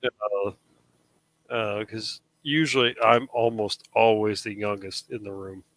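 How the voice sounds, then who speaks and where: A man's voice: fairly low pitch, steady tone, takes it slowly, a bit bright, rough recording. A man in his thirties chatting casually on a live show, rambling with frequent restarts. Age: 30s. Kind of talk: casual chat.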